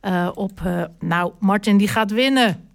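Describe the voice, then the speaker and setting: A woman's voice: medium pitch, unhurried, creaky. A woman hosting a local radio show, chatting casually and reading out local events with many filler sounds. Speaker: radio host.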